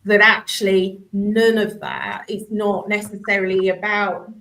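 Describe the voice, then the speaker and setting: Slow, thoughtful woman hosting on a call. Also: medium pitch, level tone, a bit bright, rough recording. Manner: thoughtful, searching for words. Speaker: host. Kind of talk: reflective conversation. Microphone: video call.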